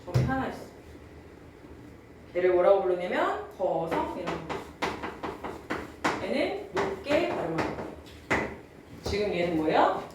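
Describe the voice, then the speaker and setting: This Korean language teacher, a young adult woman, lectures her class in a chatty way and keeps checking on her students. She speaks at medium pitch with a sing-song, measured delivery full of pauses, stretching words out to show old pronunciation. A far-off mic captures lots of echo and background noise.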